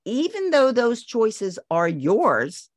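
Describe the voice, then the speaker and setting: A woman's voice: fairly high pitch, huge pitch swings, takes it slowly, no echo, studio quality. A woman in her sixties, a parenting expert guest, giving firm advice and stressing her points by repeating them. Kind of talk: advice interview.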